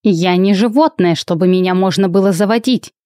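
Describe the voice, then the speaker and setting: A woman's voice: fairly low pitch, moderate pace, mellow, no echo, studio quality, lightly acted. A woman voicing an indignant male werewolf professor who protests and snaps back at students. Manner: huffy, protesting.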